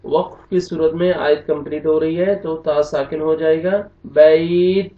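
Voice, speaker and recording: Man, Pakistani Urdu accent, Quran recitation lesson, slow drawn-out reciting, dull lo-fi sound. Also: a little high, steady tone. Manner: slow drawn-out recitation alternating with brisk explanation. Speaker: Quran teacher. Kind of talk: tajweed lesson, spelling out and reciting. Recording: roomy, distant, dull lo-fi sound.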